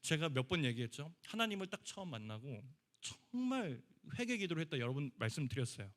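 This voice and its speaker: A man's voice: a little high, sing-song, brisk. A young man giving a conversational sermon to a youth congregation in a church hall. He speaks casually and acts out the quoted lines of people in the story. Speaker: youth pastor.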